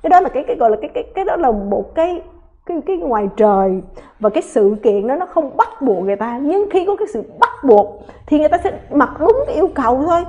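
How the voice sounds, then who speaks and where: A woman's voice: high-pitched, big pitch swings, quick pace, dark tone, highs cut off. A woman hosting a talk show who rants combatively at her viewers and repeats words as she talks.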